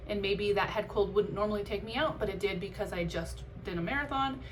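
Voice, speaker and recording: Talking a little fast at medium pitch, a female vlogger who runs as an amateur shares her own experience in candid, casual chat that turns reflective and conversational, punctuated by emphatic bursts. The audio is poor.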